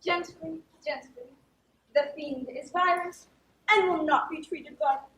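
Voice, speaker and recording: An actress playing a gleeful, mischievous servant in a live stage play, amused and teasing. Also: female voice, high-pitched, unhurried, fairly bright tone. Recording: echoey stage from far off, faint ambience.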